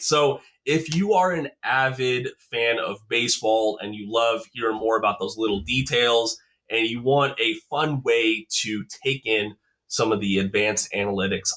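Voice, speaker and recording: A young male podcast host chats in an upbeat, easygoing way and reacts quickly to his co-host. His voice sits at a medium pitch. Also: sharp tone. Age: young adult. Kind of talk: casual chat.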